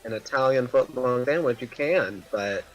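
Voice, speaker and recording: A man's voice: medium pitch, normal speed, highs cut off. Man, casual gaming chat, rambling, lots of fillers, faint music behind. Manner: chatty, rambling with many fillers. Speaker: gaming streamer.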